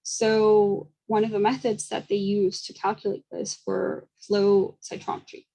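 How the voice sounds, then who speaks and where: A young woman giving a seminar talk, speaking quickly with frequent fillers and small laughs. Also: medium pitch, monotone, dark tone, poor audio. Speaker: student presenter.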